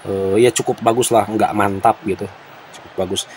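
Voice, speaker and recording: A man with an Indonesian accent doing casual game commentary for viewers, halting and clearing his throat as he smokes while talking. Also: on the low side, fairly even intonation, a little mellow, a little hiss or hum. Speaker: gaming content creator.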